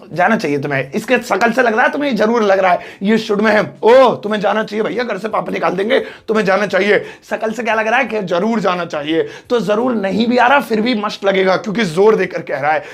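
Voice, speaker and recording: A man teaching in a classroom, speaking. His voice sits high and carries a gravelly fry. He talks in a joking, lively way and acts out everyday examples for his students. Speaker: English teacher. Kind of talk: classroom lesson.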